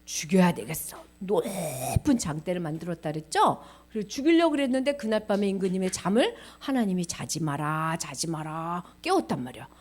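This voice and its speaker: A woman's voice: medium pitch, very animated, fairly quick, few pauses, darkish tone. A woman telling a Bible story expressively in a sermon, often asking her listeners questions.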